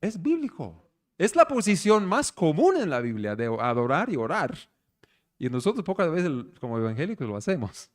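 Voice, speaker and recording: A man's voice: fairly high pitch, normal speed. A middle-aged man preaching a conversational sermon to a congregation, telling stories and asking the room questions. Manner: animated storyteller, asks the congregation questions. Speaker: pastor. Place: church service.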